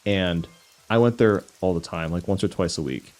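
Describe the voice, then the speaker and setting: Young male co-host, lowish mellow voice, lively storyteller. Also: normal speed. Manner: animated, acts out quotes with big pitch jumps. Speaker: podcast co-host. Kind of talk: casual storytelling chat.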